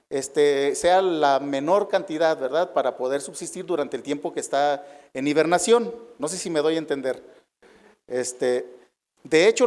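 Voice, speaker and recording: A man's voice: on the high side, a little mellow, in a large hall. A man preaching a sermon, reading scripture aloud and explaining it, often checking in with "¿verdad?" and using "este" as a filler. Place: church hall.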